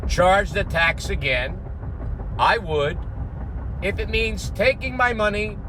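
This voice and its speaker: Brash high-voiced man with a Queens accent. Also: background noise. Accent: Queens New York. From Queens, New York, United States. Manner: brash, profane, emphatic. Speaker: host of a finance commentary channel. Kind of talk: unscripted political rant to camera.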